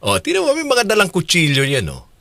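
A man's voice: high voice, huge pitch swings, brisk, vocal fry, noisy background. A man, co-hosting a casual commentary chat. He is chatty and laughs often, and he keeps calling his co-host partner.

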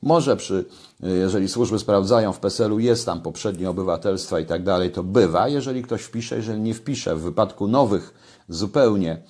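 A man's voice: on the low side, normal speed, darkish tone, slightly rough. An older man giving casual commentary to camera from his home kitchen, talking conversationally and pushing his voice up on key points. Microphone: webcam at desk.

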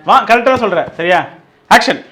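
A man directing comedy skit takes in casual chat, bossy and teasing, quick to raise his voice. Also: sits high, bright, forceful tone.

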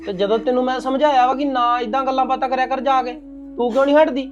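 A man acts out a stern young husband in a family drama, reproachful and quick to blame. He speaks rapidly in a high voice. The sound is dull and lo-fi with music behind. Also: fairly even intonation. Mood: scolding. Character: stern young husband scolding his new wife.

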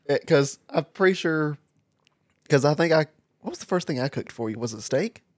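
A man's voice: fairly high pitch, lively intonation, normal speed, no echo, clean studio sound. A young man chatting casually with his wife, joking and poking fun at himself. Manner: playful, self-deprecating. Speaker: host, husband. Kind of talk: casual couple chat.

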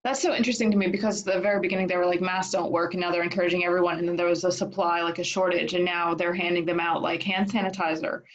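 A woman's voice: lowish voice, steady tone, racing, hardly any pauses, highs cut off. A young woman, casually hosting an interview over a video call from home. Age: young adult. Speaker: interviewer, host.

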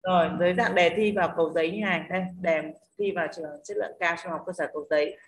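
A woman's voice: fairly low pitch, fairly even intonation, rapid-fire, a little hiss or hum. A woman English teacher with a Northern Vietnamese accent leading an online class, explaining pronunciation rules step by step and checking in often with her students. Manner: explains step by step, keeps checking with "đúng không?".

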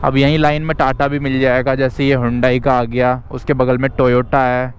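A man's voice: medium pitch, little pitch movement, normal speed, clear, resonant tone. A young man in casual motovlog commentary, riding a scooter through city traffic and chattily explaining tips to viewers through a helmet mic. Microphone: helmet mic recording from a ride. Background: faint traffic and wind.

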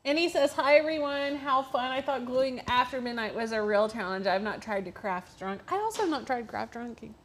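A woman's voice: a little high, moderate pace, few pauses. A woman co-hosting a casual craft livestream, reading viewer comments aloud and laughing often. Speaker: co-host reading live chat.

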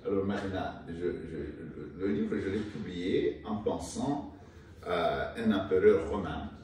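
Older male guest author from Rwanda, deep voice, slow and halting delivery, recorded in an echoey room from a distance. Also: darkish tone. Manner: slow, hesitant, repeats words while searching. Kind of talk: conversational interview. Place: indoor room, seated in armchair. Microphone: far camera. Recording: echoey room, mic at a distance, faint noise.

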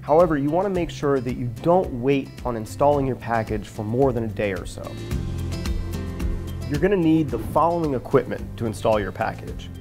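A middle-aged man with a Midwestern American accent giving clear, practical step-by-step beekeeping instructions as a scripted narration. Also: mid-range voice, animated, normal speed, over music. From United States.

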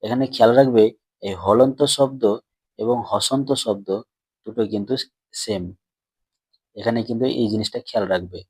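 A man teaching grammar to schoolchildren, patiently asking questions and answering them himself, and slowly stretching words out as he splits syllables. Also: medium pitch, steady tone, breathy edge, dry recording. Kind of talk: classroom lesson explanation.

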